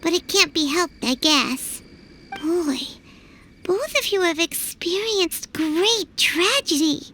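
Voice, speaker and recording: Tiny childlike fairy girl, squeaky, very high voice, slow pacing, earnest, caring, video game companion. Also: animated, bright, forceful tone, a little hiss or hum, exaggerated voice. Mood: earnest, resigned.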